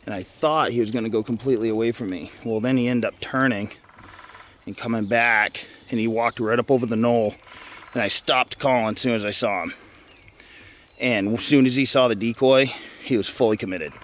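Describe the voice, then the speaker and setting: A man outdoors by a field and wood line, a little out of breath, excitedly rambling through an outdoor hunting vlog recap with plenty of fillers. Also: mid-range voice, a little fast. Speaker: hunting vlogger.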